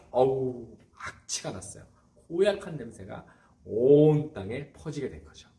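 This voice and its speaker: A man's voice: medium pitch, darkish tone. A man, a pastor, giving a children's sermon, asking the kids questions and telling the story dramatically.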